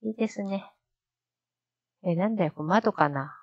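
Woman streamer, low-pitched, unhurried delivery, thinks out loud and repeats lines to practice; dull lo-fi stream audio. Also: no echo. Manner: muses aloud, repeats lines slowly to practice. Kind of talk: casual live-stream commentary.

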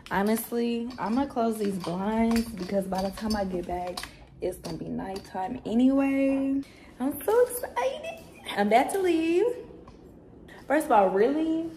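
A young woman from with a slightly raspy morning voice, chatting casually to her vlog viewers and laughing often. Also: medium pitch, darkish tone, a little hiss or hum. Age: young adult. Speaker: vlogger.

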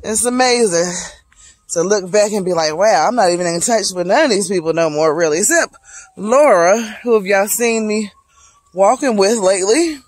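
A woman's voice: mid-range voice, expressive, normal speed, darkish tone, no echo. A woman in her late thirties from Charlotte, talking to viewers in a reflective, motivational way while hiking, filmed on a phone held at arm's length outdoors. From Charlotte, North Carolina. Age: 30s. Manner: chatty, reflective, motivational, talks to viewers as "y'all". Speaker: vlogger. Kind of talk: casual vlog monologue. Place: wooded hiking trail outdoors. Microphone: phone held at arm's length while walking.

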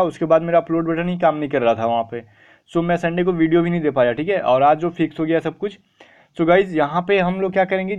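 A young man who teaches vocabulary online for exam prep explains words in a casual Hindi-English mix. He's chatty, keeps saying "theek hai," and poses questions only to answer them himself. His voice is fairly high and a little mellow, and the recording is muffled.

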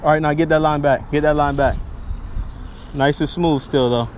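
A young man vlogging his fishing from a bridge by the sea, excitable and talkative, filmed on an action camera outdoors. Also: on the high side, moderate pace, a little hiss or hum. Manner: excitable, hollers and laughs, repeats himself.

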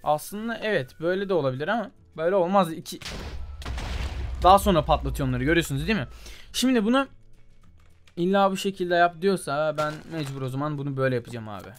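Young guy gaming youtuber, kinda high voice, mutters and chats thru his gameplay, faint music behind. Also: animated, fast talker. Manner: chatty, mutters while trying, calls viewers "abi" and "gençler". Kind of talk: casual gameplay commentary.

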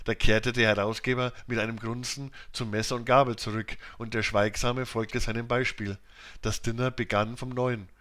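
A man reading a classic novel as an audiobook narrator, with steady, measured storytelling. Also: mid-range voice. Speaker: audiobook reader.

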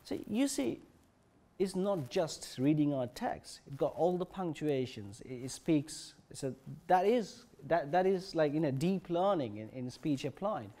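Male conference presenter, somewhat high pitch, halting delivery with frequent fillers and restarts. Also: animated, mellow. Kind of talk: technical conference talk. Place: conference session room.

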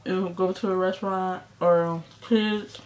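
A woman's voice: fairly low pitch, fairly even intonation, a little slow, a little mellow. Chatty young woman talking with her mouth full. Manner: chatty, rambling, addresses viewers as y'all. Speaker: vlogger. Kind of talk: casual mukbang chat. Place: indoors, filming herself eating.

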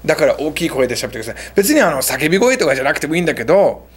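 A man hosting a casual English lesson, chatty, slowing down for English phrases. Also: on the high side, very animated, slightly rough. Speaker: English teacher and show host.

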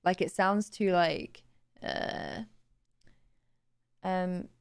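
Her voice lowish and her intonation fairly even, a young adult live streamer draws out her words while chatting and thanking viewers late at night. She's tired and a touch raspy but bubbly and laughs easily. The boom studio mic in her home streaming room is right by her mouth.

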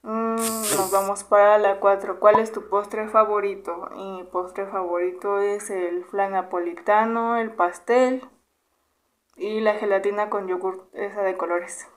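Humming between viewer questions, a YouTuber in her twenties from Mexico keeps her Q&A vlog relaxed and chatty. She has a Mexican Spanish accent and an unhurried, mid-range voice. The camera is held close in a small bedroom.

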